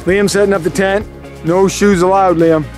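A man in his forties, a vlogger dad, narrates a casual family camping vlog at a wooded campsite, holding the camera at arm's length. His voice is high with fairly even intonation and a moderate pace, heard over loud music. He jokes around in a playful way.

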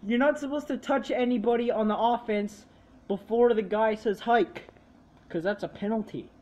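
A woman's voice: a little high, normal speed, warm tone. Young woman, casual gaming commentary, bossy teasing coach, exasperated outbursts. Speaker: gaming channel co-host coaching her sister.

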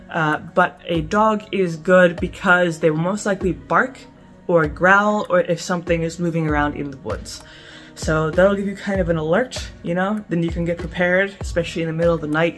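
A woman's voice: lowish voice, a bit bright. A young woman in her twenties giving casual camping advice to the camera at home, chatty, with lots of fillers and restarts. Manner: chatty, gestures a lot, many fillers and restarts. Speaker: camping vlogger. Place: small indoor room at home.

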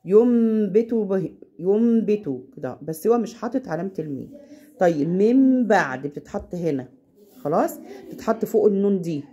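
A woman with an Egyptian Arabic accent tutoring a child at home, patient and slowing down to demonstrate recitation. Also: fairly low pitch, animated, dark tone, slightly rough. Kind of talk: casual home lesson.

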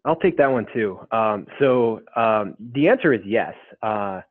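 A man with a low voice answers webinar questions in an explanatory way, often restarting his sentences. The sound is thin and phone-like. It is dry, with no room around it. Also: expressive, a little slow, dry recording. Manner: explanatory, frequent ums and restarts. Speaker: webinar panelist.

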